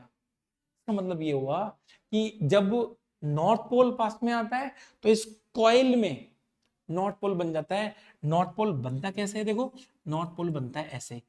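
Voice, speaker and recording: A male physics teacher giving an explanatory lecture. He repeats key points and checks understanding with quick questions. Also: high-pitched, expressive, a little mellow.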